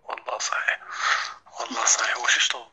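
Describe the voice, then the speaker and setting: A young man, a soldier taking a phone call, polite and hushed, showering the caller with pious blessings. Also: fast, in a whisper. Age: 20s. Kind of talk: casual phone chat.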